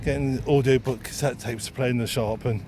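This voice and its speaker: Out walking on a town street, a second-hand bookseller records a vlog, talking casually and unscripted while he thinks aloud hesitantly and rambles. His medium-pitched, mellow voice moves a little fast with fairly even intonation, and passing traffic and street ambience are audible.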